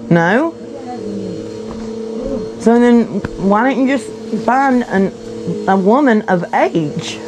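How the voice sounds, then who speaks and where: A woman's voice: a little high, animated, slow, long pauses, background noise. A woman in a heated confrontation, bluntly scolding and interrogating a man. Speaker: vigilante group confronter.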